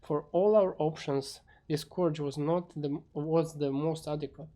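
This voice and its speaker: A man's voice: on the high side, steady tone, unhurried, warm tone, close to an everyday voice. A man voicing an imperious, scheming demon lord with grandiose, stern commands in an amateur fantasy game story. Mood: dismissive.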